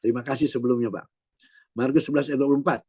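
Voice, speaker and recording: A man's voice: medium pitch, fairly even intonation, very fast, dark tone, breathy edge, no room sound. A man in his sixties preaching a sermon as a pastor, telling his own prayer testimony earnestly and often calling the listeners "my brothers and sisters". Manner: earnest, repeats "saudaraku", acts out quoted voices.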